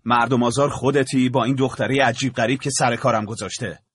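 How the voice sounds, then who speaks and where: A man voicing an irritated, tired young tenant in an audiobook, speaking fast and loudly in a raised voice. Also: mid-range voice, fairly even intonation, husky, no echo, voice pushed up. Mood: mocking. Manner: exasperated, quick, raised voice. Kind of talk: audiobook character voice.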